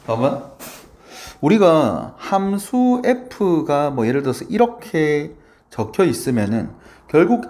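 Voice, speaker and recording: A male math teacher giving a lively, playful lecture, constantly checking in with his students and acting out little quoted lines. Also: fairly high pitch, slight background noise.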